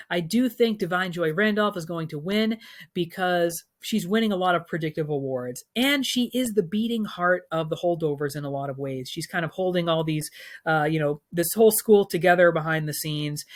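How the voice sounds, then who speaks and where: A man runs through his film award picks in a relaxed, chatty vlog. He is opinionated and enthusiastic, and his talk is loose and filled with ums and uhs. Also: high-pitched. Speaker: film commentator.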